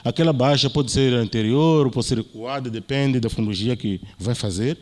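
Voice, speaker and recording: A man's voice: mid-range voice, normal speed, darkish tone. A man with a Mozambican Portuguese accent, a university lecturer giving an academic talk and explaining points with frequent tag questions.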